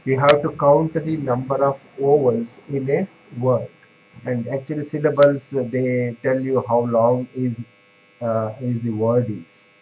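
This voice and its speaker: A man's voice: medium pitch, little pitch movement, a little slow, a little mellow, a little hiss or hum, low-quality recording. A man giving a classroom lecture on pharmacy, explaining step by step with many fillers and restarts, checking in with "right?".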